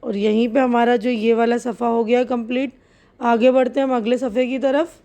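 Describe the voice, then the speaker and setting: Patient woman teacher, mellow. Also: a little high, flat delivery. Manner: spells letters out slowly and patiently, stretching words. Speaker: Urdu teacher. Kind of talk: slow step-by-step lesson explanation.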